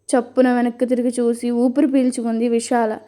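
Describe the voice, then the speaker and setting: A woman narrating a dramatic story with expressive, storybook delivery. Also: a little high, fairly quick.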